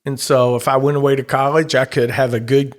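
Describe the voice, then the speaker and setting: A man's voice: mid-range voice, flat delivery. A middle-aged man, a professional Santa and auctioneer, telling his story in an easygoing, casual interview. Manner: easygoing storyteller, breaks into quick auctioneer chant.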